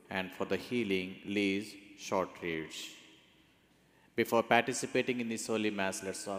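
A man, a priest celebrating Mass, speaking into a pulpit microphone with measured, formal recitation of liturgical prayers. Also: on the low side. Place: large church. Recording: echoey church hall with long reverb.

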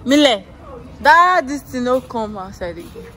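A woman's voice: on the high side, animated, unhurried, bright, forceful tone, some chatter behind. A young woman with a Nigerian accent, vlogging casually outdoors into a phone held at arm's length and chatting with a laugh in her voice. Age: young adult. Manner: chatty, laughing, switching into pidgin. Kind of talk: casual vlog walkthrough. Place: outdoors in a rural neighborhood.

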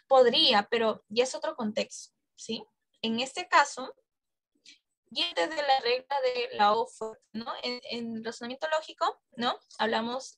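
High-voiced teacher, dry sound. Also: female voice, a bit bright, dry recording. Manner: coaxing, checks in with frequent questions. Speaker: English teacher. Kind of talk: online exam-prep class.

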